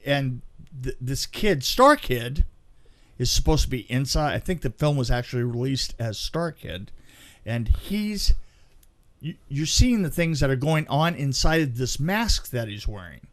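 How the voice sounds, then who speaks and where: Speaking at medium pitch, a man tells podcast anecdotes drawn from long experience on film crews, in a relaxed, stop-start, lively way.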